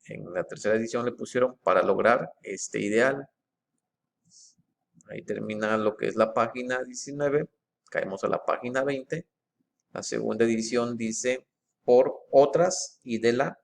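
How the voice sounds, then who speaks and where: A man, methodically comparing book editions in an informal walkthrough. He reads passages aloud and pauses often with fillers and restarts. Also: fairly low pitch, creaky.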